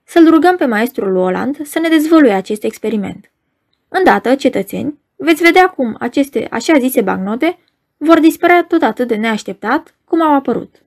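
A woman voicing a pompous, nervous male stage compere who speaks louder and grander than usual. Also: high voice, expressive.

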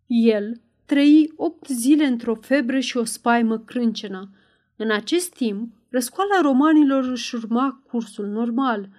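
A woman reading an adventure novel aloud in measured audiobook narration. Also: a little high, a little mellow. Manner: measured storytelling, raises voice for dialogue.

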